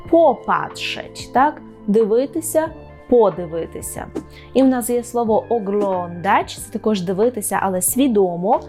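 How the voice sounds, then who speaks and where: A woman at a mid pitch teaches vocabulary in an online lesson. She explains calmly, keeps checking that the listener follows, and slows down to say each example word carefully. Faint music plays underneath. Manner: explains patiently, often checks with "так?"; says Polish example words slowly and clearly. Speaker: Polish language teacher.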